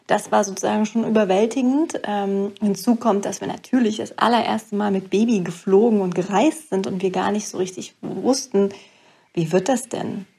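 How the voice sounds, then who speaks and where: A woman's voice: medium pitch, normal speed, creaky, mellow, husky. A young woman, a mother, telling a personal story in an earnest, emotional way, with many fillers and restarts. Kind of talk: reflective personal monologue.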